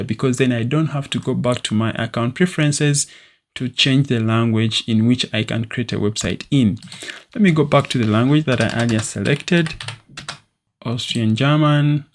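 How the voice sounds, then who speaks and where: With slight background noise in the small room where he sits at his desk, a young man talks through a screen-recorded software tutorial. His mid-range voice stays steady and explanatory, with occasional fillers.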